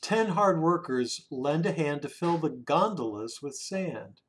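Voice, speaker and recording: A man reads a children's picture book aloud expressively, drawing out words and hushing the ends of phrases. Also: fairly high pitch, animated. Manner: dramatic, with drawn-out words and hushed phrase endings. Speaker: children's story reader. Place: small room indoors at home.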